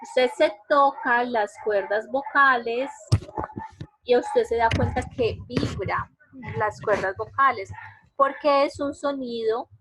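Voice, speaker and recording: Slow, bright-voiced woman teaching English. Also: a little high, a little hiss or hum, rough recording. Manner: slow, patient explaining, repeats words to model pronunciation. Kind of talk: online class lecture. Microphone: computer mic on a web conference.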